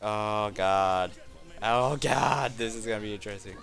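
A man casually commenting on his gameplay, rambling, giggling often and breaking into loud exclamations. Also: on the low side, unhurried, vocal fry.

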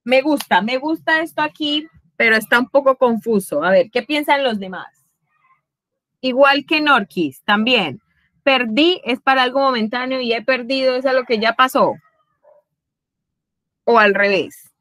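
Woman teacher, bright clear voice, dry close sound. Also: sits high, a little slow, no echo. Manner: patient, checks in often with questions. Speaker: English teacher. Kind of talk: online class teaching.

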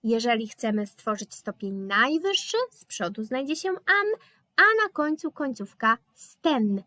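A woman's voice: a little high, animated, measured pace, bright, forceful tone, no room sound, clean studio sound. A woman with a Polish accent teaching German in a live online lesson, explaining patiently with hesitant fillers.

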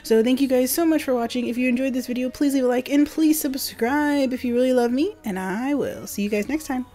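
A woman's voice: high voice, a little fast, dark tone. A woman hosting a gaming channel, making a hyped, gushing, informal giveaway announcement to her viewers.

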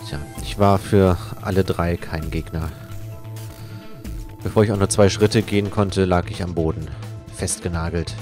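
Low-pitched man reading a game aloud. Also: fairly even intonation, darkish tone. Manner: halting, self-correcting as he translates. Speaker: let's player reading and translating a visual novel. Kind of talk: let's play read-aloud, improvised translation. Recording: game music faintly behind. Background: faint game soundtrack.

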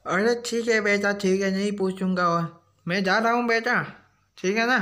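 Man putting on a high, fussy old grandpa. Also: steady tone, moderate pace. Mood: fussing. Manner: gentle, calls everyone "beta", keeps nagging about food. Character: doting old grandfather, fussing, slow-witted, sweet.

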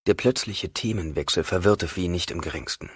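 A man reading an audiobook as narrator in a calm storytelling manner. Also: low voice, moderate pace, slightly rough, dry recording, clean studio sound. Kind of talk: scripted narration.

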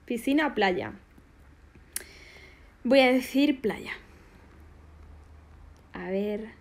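A woman's voice: on the high side, expressive, extremely slow, vocal fry. A woman, bubbly and affectionate, casually answering fan questions on a phone live stream. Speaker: singer doing a live stream.

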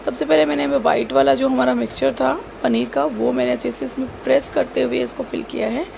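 Fairly quick and steady, this high female voice carries vocal fry as the cooking-channel host, sick with a cold and sore throat, explains a recipe in a relaxed way. She speaks with an Indian accent and switches between Hindi and English. Recorded at home in the kitchen, the video picks up noticeable background noise.

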